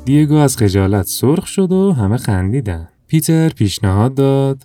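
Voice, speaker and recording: A man narrating a children's story in a calm, even storytelling manner. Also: mid-range voice, no room sound, soft background music.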